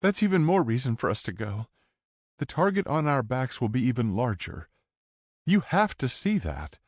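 Homem fazendo uma jovem irmã aflita, voz aguda. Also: male voice, mid-range voice, big pitch swings, normal speed, no echo, clean studio sound, voice pushed up. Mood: urgent pleading. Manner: urgent, pleading, snapping. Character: desperate, fierce young woman, older sister. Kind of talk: audiobook character voice.

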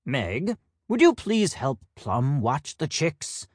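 A man's voice: on the high side, big pitch swings, slow, husky, dry recording, clean studio sound, exaggerated voice. A man voicing a strict, fussy head peacock who lectures in a clipped, insistent way. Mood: stern.

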